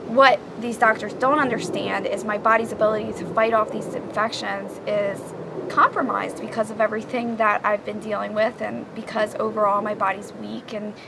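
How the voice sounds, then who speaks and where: A woman's voice: medium pitch, vocal fry, noisy background. A woman in her twenties, talking frankly and with exasperation to the camera in a personal vlog, recorded outdoors on a camera mic. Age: 20s. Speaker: vlogger. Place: outdoors on a yoga mat.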